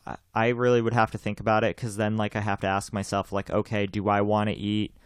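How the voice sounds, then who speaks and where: A young man in his twenties hosts a podcast in loose, rambling chat, often repeating himself and breaking into laughs. His lowish voice is smooth and resonant. The sound is dry and close, with no room echo. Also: monotone, quick pace. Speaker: podcast host. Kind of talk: casual chat.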